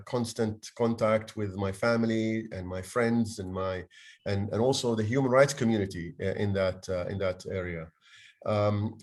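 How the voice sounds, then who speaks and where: Man from Haifa, low voice, halting lecture delivery on a video call. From Haifa, Palestine/Israel. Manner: halting, many fillers and restarts. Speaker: guest lecturer. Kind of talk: online lecture talk.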